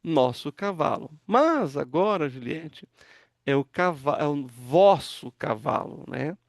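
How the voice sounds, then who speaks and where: Gravelly-voiced man teaching Hebrew. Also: fairly high pitch, lively intonation, slow, no echo, studio quality. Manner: patient, explains step by step, asks students to read. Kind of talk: online class teaching.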